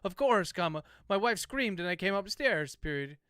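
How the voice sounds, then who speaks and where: A man reading the lines of a shaken, grieving middle-aged father in his own voice, in a flat dictation style. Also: high voice, normal speed, clean tone, dry recording, studio quality. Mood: strained.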